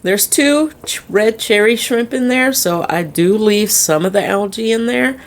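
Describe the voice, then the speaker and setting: A woman, chatting casually and fondly as she films her fish tanks at home. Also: lowish voice. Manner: chatty, fond and relaxed narration. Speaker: aquarium vlogger. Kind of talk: casual chat. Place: indoors at home by a fish tank.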